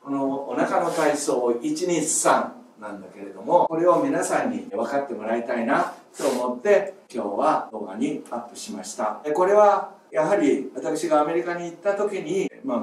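A male music teacher giving a video lesson on breathing exercises, calling out short, loud counts as he demonstrates. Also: mid-range voice, animated, normal speed, few pauses. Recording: roomy echo, distant mic.

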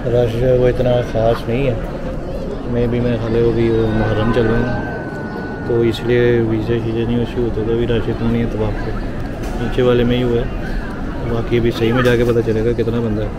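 A middle-aged Pakistani man narrates his family vlog from a moving car and then from the middle of a busy crowd. His Urdu-accented talk is casual and excitable, full of jokey asides to his family. His voice sits at a middle pitch, and loud traffic and crowd noise run under everything he says. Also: normal speed. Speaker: family vlogger. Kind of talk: casual travel vlog commentary.

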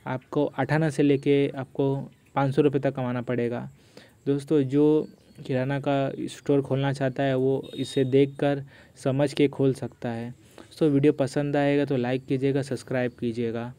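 A young man hosting a screen-recorded vlog, often saying "friends" and reading prices aloud in a steady walkthrough. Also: mid-range voice, normal speed, clear, resonant tone. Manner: repeats "doston" often, reads prices aloud. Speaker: YouTube host.

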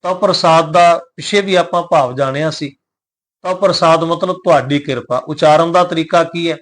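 Man, fairly high voice, scripture lesson, slow deliberate chanting, calm respectful explanation. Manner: addresses listeners respectfully and humbly. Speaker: Sikh scripture teacher.

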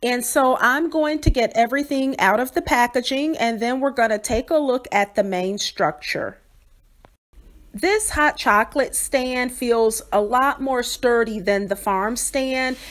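A woman's voice: fairly high pitch, measured pace, a bit bright. A woman hosting a doll channel, cheerfully describing toy pieces in an unboxing review voice-over. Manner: cheerful, enthusiastic, descriptive with fillers.

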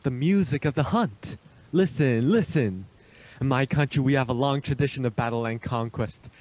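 An actor playing a suave, imperious Transylvanian vampire count in a radio play, speaking with formal, deliberate, ominous politeness. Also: male voice, medium pitch, darkish tone, close to an everyday voice. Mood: fervent, proud.

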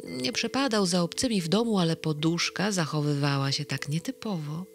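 A reader telling a children's bedtime story in a slow, gentle and expressive way. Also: medium pitch, faint music behind.

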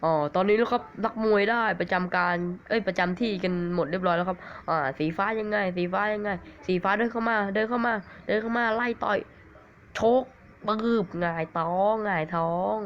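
A man with a cold giving rambling, excitable commentary on a mobile game, swearing at it now and then. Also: high voice, fairly quick. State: has a cold. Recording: dull lo-fi recording with faint hiss.

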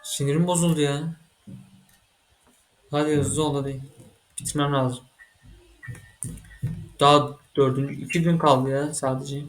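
A man giving casual let's-play commentary as he plays a computer game, excitable and quick to get frustrated, swearing at the game. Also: fairly high pitch, soft background music. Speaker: gaming channel host.

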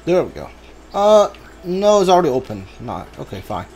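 A streamer doing a blind playthrough mutters his thoughts to himself as he plays, with video game music behind him. His voice is slightly high, creaky and a little mellow, with big pitch swings and a moderate pace.

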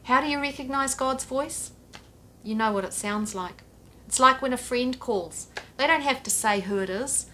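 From the sofa in her living room, a middle-aged woman pastor gives an earnest, direct sermon to camera for home church, using gestures. Her high voice is bright and forceful at a moderate pace, picked up by a camera a few feet away in head-and-shoulders framing, with a touch of hiss or hum.

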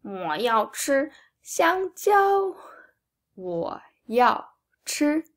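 Woman doing a hungry little storybook pig: slightly high, very slow, emphatic. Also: very animated, exaggerated voice. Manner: slow, drawn-out, emphatic reading. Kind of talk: storybook read-aloud.

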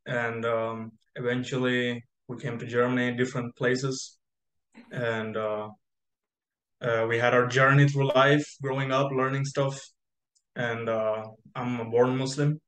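A young man who grew up in Spain tells his story as an interview guest on a video call, rambling with plenty of fillers and restarts. He sits in a bright indoor room, and the call sounds echoey. His voice is medium-pitched and fairly bright, with little pitch movement and a measured pace.

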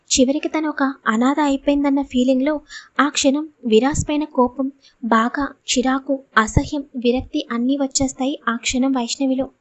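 High-voiced woman narrating a drama. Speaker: audiobook narrator. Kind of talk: serialized audiobook storytelling.

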